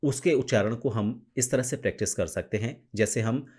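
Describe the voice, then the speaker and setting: A man giving a pronunciation lesson, speaking slowly and carefully and showing each sound himself. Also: mid-range voice, a little mellow, slightly rough. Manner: slow, careful, demonstrates sounds. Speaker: teacher of pronunciation. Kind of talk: spoken tutorial to camera.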